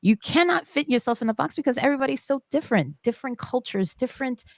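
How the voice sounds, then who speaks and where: A woman's voice: high voice, lively intonation, quick pace, vocal fry, no room sound. A woman hosting a conversational interview podcast, enthusiastic and affirming, often laughing as she talks. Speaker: podcast host.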